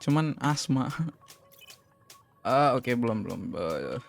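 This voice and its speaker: A man from Indonesia talks loosely and jokes as he plays through a game. His voice sits at a medium pitch, with faint game music underneath. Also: very animated, unhurried, gravelly. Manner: joking, laughing, loud. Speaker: gameplay streamer. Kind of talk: casual gameplay commentary.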